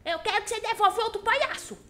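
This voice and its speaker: A woman's voice: very high-pitched, rapid-fire. A woman voicing a cheeky, feisty little girl who hosts a children's Minecraft role-play, exclaiming in a childlike, bratty way. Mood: alarmed, defiant. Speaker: host of children's gaming channel. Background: music.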